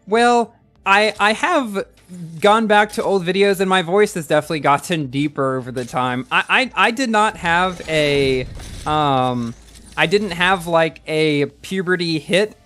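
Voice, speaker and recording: Reading chat during a casual gaming livestream, a chatty man in his early twenties rambles on, frequently repeating words as he starts over. His higher voice sounds pushed and bright, and he keeps a measured pace.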